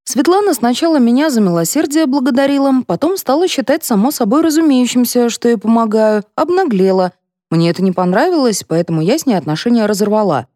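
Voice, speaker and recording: A woman reading a composed elderly lady who speaks in a measured, reproachful way, in an audiobook. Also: on the high side, lively intonation, dark tone, no room sound, studio quality, pitched above the performer's own voice, natural voice. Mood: explaining. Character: composed elderly lady, dignified, cool-headed.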